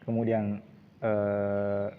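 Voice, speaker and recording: A man telling a religious story in a steady, low-key way, often using the filler "eh", on a dull lo-fi recording with faint hiss. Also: drawn-out words, in a large hall.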